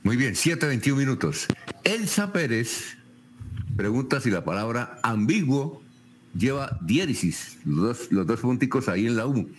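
A male radio host reads listener questions aloud to his guest. He speaks briskly, in a plain announcer manner. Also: medium pitch, sing-song, slight background noise.

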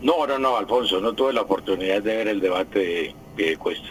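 A man's voice: on the low side, brisk, a little hiss or hum, rough recording. A man, a language professor on a radio show, explaining correct usage in a didactic way and repeating the right form. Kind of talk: radio language advice segment.

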